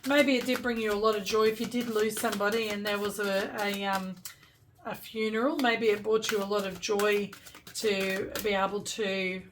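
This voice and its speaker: A woman speaking as a fortune teller, thinking aloud through an oracle card reading and gently advising the listener directly. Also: mid-range voice, steady tone, moderate pace, noisy background. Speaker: tarot and oracle card reader.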